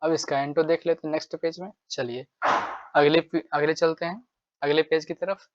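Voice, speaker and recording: A man's voice: a little high, level tone, normal speed, dry recording. Man teaching in questions and answers. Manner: repetitive, quizzing himself with rhetorical questions. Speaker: English vocabulary teacher. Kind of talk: Hindi tutorial lesson. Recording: dry, dull lo-fi mic.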